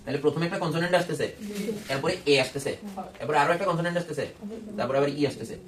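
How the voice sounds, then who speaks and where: A man's voice: fairly high pitch, rapid-fire, slight background noise. A man teaching English pronunciation to a class of children, strict and drilling words over and over. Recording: roomy classroom from far off. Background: children chattering.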